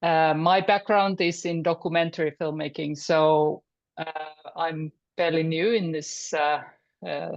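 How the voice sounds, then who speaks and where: A woman from Finland, a filmmaker guest introducing herself haltingly over a video call, with soft laughs between phrases. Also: deep voice, steady tone, gravelly, lo-fi sound.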